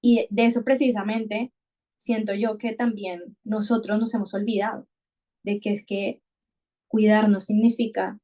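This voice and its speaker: Brief: woman host, mid-pitched, musing and self-correcting. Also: dark tone. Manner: thoughtful, many restarts and repetitions. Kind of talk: reflective conversational podcast talk.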